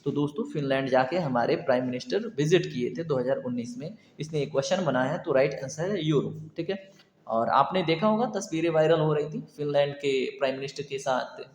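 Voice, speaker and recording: A man's voice: on the high side, brisk, darkish tone, echoey room, in a large hall, slight background noise. A man teaching an exam prep lecture, asking questions and answering them himself, repeating key answers. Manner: repetitive quizzing, asks and answers himself.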